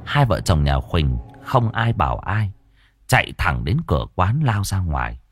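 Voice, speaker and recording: A man narrating a ghost story in a dramatic, expressive, scripted style. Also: deep voice, measured pace, slight background noise.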